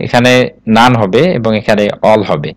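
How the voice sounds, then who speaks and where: A man with a Bangladeshi accent, working through exam questions and answers in a steady recitation, explaining them as a tutor. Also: on the low side, measured pace, dry recording, low-quality recording. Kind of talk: reading quiz answers aloud.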